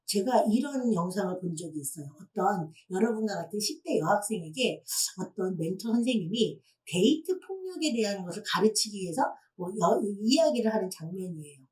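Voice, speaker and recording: A woman's voice: mid-range voice, animated, moderate pace, few pauses, darkish tone. A woman lecturer addressing teenagers, explaining step by step and putting questions to her audience. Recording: voice from a distant mic.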